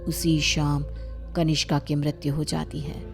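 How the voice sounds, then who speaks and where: Over soft music, a woman narrator reads a scripted story in a low, even voice with little pitch movement. Her delivery is unhurried and creaky.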